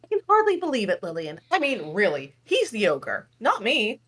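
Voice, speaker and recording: A woman's voice: on the high side, huge pitch swings, moderate pace, a bit bright, slightly rough, exaggerated voice. Woman reading King Harold, flustered old king. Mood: indignant. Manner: fretful, stammering, dramatic sighs. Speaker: reader. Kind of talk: live table read.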